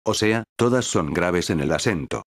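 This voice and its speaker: A male text-to-speech voice reading a scripted educational narration in an even, synthetic cadence. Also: sits low, moderate pace, no echo, studio quality.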